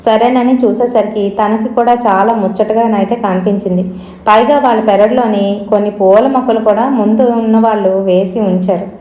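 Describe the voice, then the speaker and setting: A woman narrating a horror story in a steady, conversational way, with frequent fillers. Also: mid-range voice, normal speed. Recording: echoey room.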